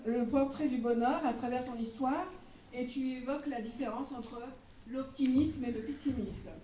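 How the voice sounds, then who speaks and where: Woman, event presenter, high mellow voice, echoey hall, phone from far off. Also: fairly even intonation, normal speed, a little hiss or hum. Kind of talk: stage introduction.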